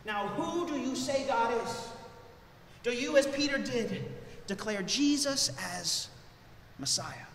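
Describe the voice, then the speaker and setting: A male pastor preaching a sermon in an animated way, his voice rising for emphasis. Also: very high voice, slow pace, pauses often, slight background noise. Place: church sanctuary. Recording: echoey church hall with long reverb.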